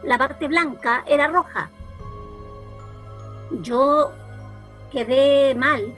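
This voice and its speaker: A woman with a Chilean accent, a church youth leader, telling a story over a group video call in an animated way, full of restarts and repeats. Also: sits high, very slow, faint music behind.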